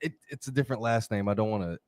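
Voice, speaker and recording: A man's voice: fairly low pitch, racing, a little mellow, dry recording. A man co-hosting a live chat, talking earnestly and filling his speech with "like". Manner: earnest, chatty, says "like" a lot. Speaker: co-host. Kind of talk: casual live-stream chat.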